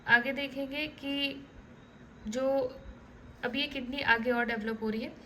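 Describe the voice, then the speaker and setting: A high-voiced biology teacher gives an online lecture, walking through diagrams in a relaxed, conversational manner. She checks in with listeners, restarts words mid-thought and often says "ठीक है". Her pace is slow, the recording is low quality, and a faint room hum runs behind her.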